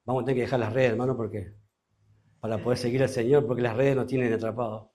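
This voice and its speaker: A male pastor with a Uruguayan accent preaching a sermon, reading scripture slowly and asking the congregation rhetorical questions. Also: mid-range voice, fairly even intonation, warm tone. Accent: Uruguayan Spanish. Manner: reads scripture aloud slowly.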